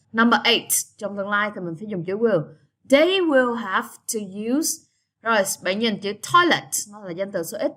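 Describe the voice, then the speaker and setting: A woman's voice: mid-range voice, a bit bright. A woman teaching an English lesson, switching between languages and drawing out model words for students to repeat. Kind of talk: bilingual classroom lesson.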